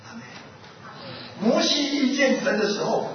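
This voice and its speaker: With a crowd audible behind him, a male pastor with an extremely high pitch speaks a little slowly. He questions his listeners and performs an animal fable in his sermon, recorded distantly in an echoey, muffled, noisy hall.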